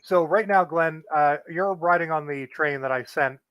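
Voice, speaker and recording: Male guest player, slightly higher voice, monotone explainer, dry close sound. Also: moderate pace, clean tone, dry recording. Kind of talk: casual gameplay explanation.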